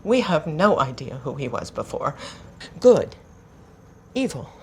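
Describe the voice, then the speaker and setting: An elderly village mage in an audio drama, stern and commanding. Her voice sits low and moves dramatically from hushed gravity to sudden sharp demands. A faint hiss runs underneath. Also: big pitch swings, a little slow, exaggerated voice.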